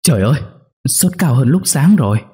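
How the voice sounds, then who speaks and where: A man's voice: on the low side, a little fast, warm tone, breathy edge. A man voicing a frantic, tearful middle-aged village wife who pleads breathlessly. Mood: panicked.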